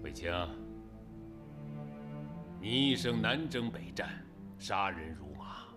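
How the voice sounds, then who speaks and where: A man playing an aging emperor in a historical drama, speaking calmly and in a measured way, then firmly about his duty. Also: lowish voice, music in the background. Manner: calm, measured, soothing then firm. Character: powerful aging emperor, calm and resolute.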